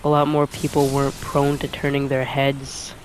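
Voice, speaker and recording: A man's voice: medium pitch, monotone, normal speed, a little hiss or hum. A young man talking over a game he plays, musing hesitantly with many fillers and restarts. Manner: hesitant, full of "like" and restarts, soft-spoken. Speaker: gaming streamer. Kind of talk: rambling commentary while playing a game.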